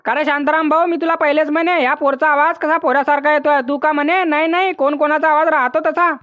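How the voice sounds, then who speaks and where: A man voicing a nagging, sharp-tongued older village mother in a cartoon, speaking. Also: very high voice, steady tone, quick pace, pitched above the performer's own voice. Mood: angry. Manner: scolding, bossy.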